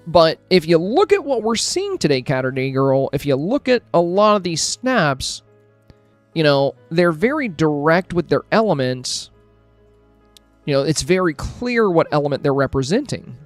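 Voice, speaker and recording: A man's voice: on the high side, big pitch swings, moderate pace, no room sound. A man with a slightly raised voice chats through friendly critiques of game screenshots on a live stream, thinking aloud with fillers and restarts. He sits close to a dry mic, with faint music playing underneath. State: hiccuping, with a headache. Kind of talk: casual live-stream review commentary.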